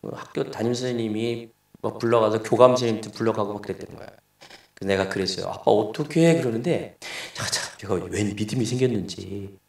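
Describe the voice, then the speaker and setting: A man's voice: on the low side, fairly even intonation, quick pace, vocal fry. A middle-aged male pastor preaching a sermon, telling a family story and acting out the dialogue. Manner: storytelling, acts out dialogue in quoted voices. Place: church sanctuary. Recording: echoey church hall, distant mic.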